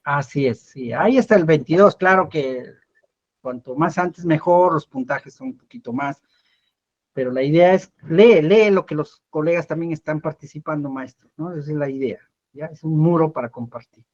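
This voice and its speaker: A man's voice: fairly high pitch, moderate pace, dull audio. A man leads an online class as instructor, encouraging participants with frequent affirming words. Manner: encouraging, many affirming fillers. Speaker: course instructor.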